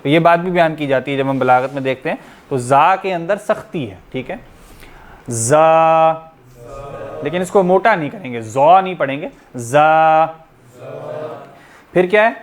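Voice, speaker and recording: Patient male tajweed teacher, slightly high voice. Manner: patient, explanatory, often checking in with "theek hai"; drawn-out demonstration of letter sounds. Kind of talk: classroom lesson on Arabic letter sounds.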